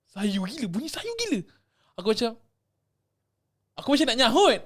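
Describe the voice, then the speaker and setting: A man's voice: very high-pitched, sing-song, normal speed, a bit bright. A young man, co-hosting a casual podcast and telling ghost stories animatedly, acting out the voices and mixing in English words. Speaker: podcast co-host. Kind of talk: casual chat, ghost storytelling.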